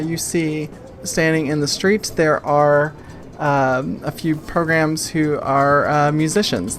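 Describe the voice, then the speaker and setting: With a deep voice, a woman game master narrates an improvised tabletop game casually and haltingly, stopping partway through sentences.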